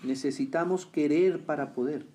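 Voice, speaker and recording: A man preaching a sermon who keeps asking his listeners questions and answering them, rising loud on key lines and dropping low and quiet on others. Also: normal speed. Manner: swings between raised emphatic lines and quiet low remarks.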